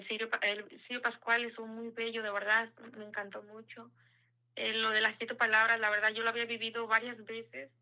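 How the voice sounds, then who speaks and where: Woman, earnest testimony, very bright tone, fairly high voice. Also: creaky, poor audio. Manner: earnest, repeats words for emphasis. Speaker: guest giving a testimony. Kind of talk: casual spoken testimony.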